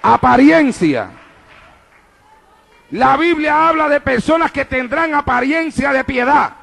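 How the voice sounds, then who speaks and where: A male preacher with a strikingly high voice and a gravelly, rough edge. He delivers a fervent evangelical sermon in a rhythmic, repetitive cadence, calling out again and again to the congregation. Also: fairly even intonation, moderate pace, pushed and bright. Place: church in New York.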